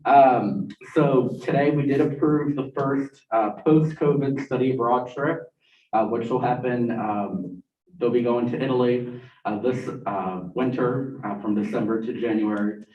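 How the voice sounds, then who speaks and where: A man's voice: mid-range voice, steady tone, a little slow. Casual young man, echoey hall. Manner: casual, joking, many "uh" fillers. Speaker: student government officer for academic affairs. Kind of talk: meeting report. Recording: muffled, echoey room, distant mic.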